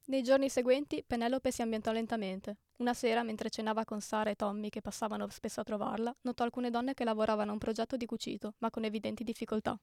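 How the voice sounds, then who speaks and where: A woman narrates a story at a quick clip. Her voice is fairly high, and the recording is dry with no room sound. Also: little pitch movement, a little mellow, no room sound.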